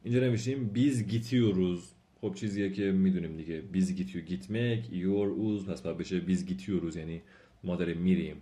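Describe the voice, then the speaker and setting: A man gives a language lesson in a deep voice with a mellow, dark tone. He explains each point patiently and says the example sentences slowly, repeating them. He speaks to his viewers politely and formally. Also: fairly even intonation. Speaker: language teacher. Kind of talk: spoken lesson.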